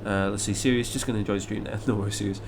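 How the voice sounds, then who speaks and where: Rapid-fire and fairly low-pitched, this young flight sim live streamer from Scotland speaks with fairly even intonation and a Scottish accent lightly mixed with English. He rambles casually through viewer questions, with lots of fillers and restarts, against background noise.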